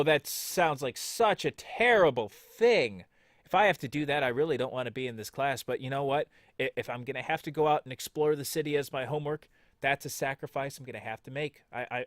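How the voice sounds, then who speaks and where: A man's voice: medium pitch, no room sound, clean studio sound. A man hosting a let's play, reading the game's text aloud and joking along with it in a playful, sarcastic way. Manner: playful and sarcastic, jumps into mock voices.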